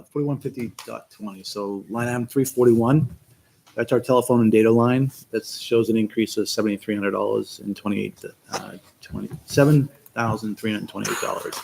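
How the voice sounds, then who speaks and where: Low-voiced man explaining a budget. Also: gravelly, darkish tone, slight background noise, poor audio. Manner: methodical, explains line items with filler ums. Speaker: town IT director presenting budget. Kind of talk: budget presentation at a meeting.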